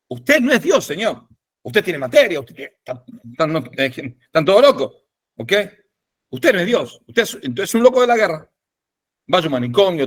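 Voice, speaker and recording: Animated, expressive man teaching class. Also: a little high. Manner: animated, asks "ok?" to check understanding. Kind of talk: informal lecture with humor. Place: home or office in Jerusalem. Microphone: video call.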